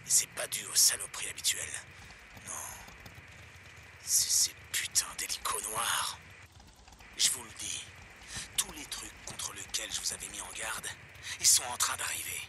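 A man's voice: fairly low pitch, a little slow, pauses often, noisy background. An actor playing a paranoid man who rants crudely and conspiratorially over a pirate radio broadcast. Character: paranoid male survivalist radio ranter. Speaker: radio host.

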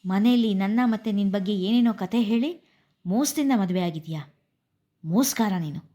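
A woman's voice: medium pitch, normal speed, lightly acted. A woman voicing a bitter, resentful young wife in a spoken story. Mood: angry. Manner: sharp, resentful.

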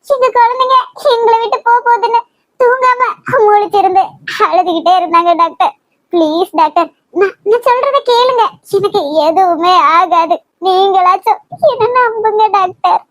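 A woman's voice: very high-pitched, moderate pace, no room sound, studio quality. A woman voicing a desperate young pregnant wife in a cartoon drama, pleading and stammering in Kanyakumari Tamil. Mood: tearful pleading. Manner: tearful, stammering pleas.

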